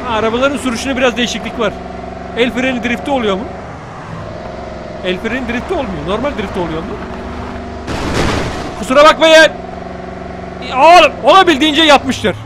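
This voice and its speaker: A man doing playful let's play commentary, joking and teasing with excitable outbursts. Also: very high voice, fast talker, noisy background. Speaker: gaming YouTuber.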